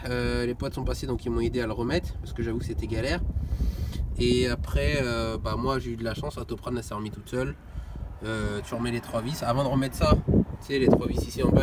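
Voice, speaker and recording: In a garage workshop, a young man who vlogs about car mechanics casually walks through a repair in a mid-range voice. He's slangy, swears, and constantly says "tu vois," and the recording is very noisy.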